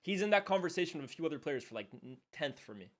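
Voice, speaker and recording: A young man with a slightly high voice hosts a football watchalong stream, very animated and rapid-fire. He chats loosely with his chat and calls the play, saying "bro" a lot and laughing often.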